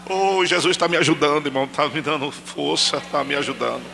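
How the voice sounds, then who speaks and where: A man's voice: a little high, a little fast, vocal fry, big-room sound, a little hiss or hum. A man preaching a sermon in church on a microphone, talking straight to the congregation and acting out cries. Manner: animated preaching, addresses congregation directly, acts out shouted cries. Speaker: pastor. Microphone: handheld microphone.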